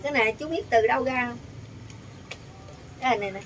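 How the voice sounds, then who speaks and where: An older woman tells her story in animated, rapid bursts. She acts out other people's words as she goes. Her high voice is caught from some distance away. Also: a little hiss or hum. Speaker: interviewee. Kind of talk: heated storytelling.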